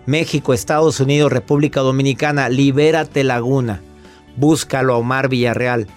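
Brisk talk show host. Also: male voice, mid-range voice, steady tone, soft background music. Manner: brisk, asks leading questions. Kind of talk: radio talk show hosting.

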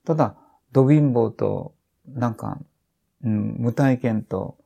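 Gravelly older man, rambling storyteller. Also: medium pitch, slow pace, dark tone. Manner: rambling, with many restarts and trailing phrases. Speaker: author and podcast guest. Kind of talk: casual conversation.

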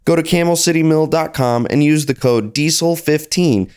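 A man reading a scripted product ad in an upbeat sales pitch. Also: normal speed, a little mellow, clear, resonant tone. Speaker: ad reader. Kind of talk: scripted ad read.

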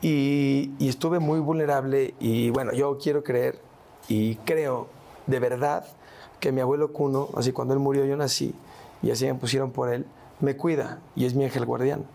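A man with a Mexican accent speaks as an interview guest, his voice at a middle pitch with a gravelly, creaky edge. He talks in slangy, casual storytelling. He keeps tagging his sentences with "¿no?" and "güey". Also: fairly even intonation, normal speed, dark tone. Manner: slangy, tags lines with "¿no?" and "güey".

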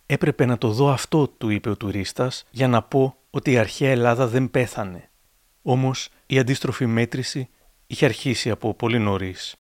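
A man in measured scripted narration for an audio documentary. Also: medium pitch, no room sound.

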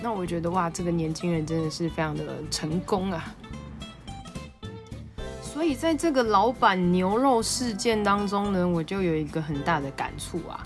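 A woman with a Taiwanese Mandarin accent hosting a podcast, telling a story in an animated, excitable way. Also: fairly low pitch, moderate pace, music in the background. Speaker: podcast host. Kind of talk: casual storytelling monologue.

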